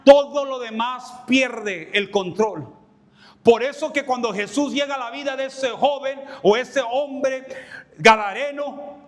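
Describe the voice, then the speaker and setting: A pastor preaching a passionate sermon, acting out the voices of people he quotes and rising at times to a shout. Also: very high-pitched.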